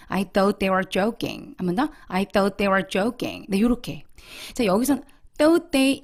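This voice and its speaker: Woman teacher, lively pitch, leads learners through slow repetition drills. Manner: animated, drills example sentences slowly for repetition. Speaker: English teacher. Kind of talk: language lesson.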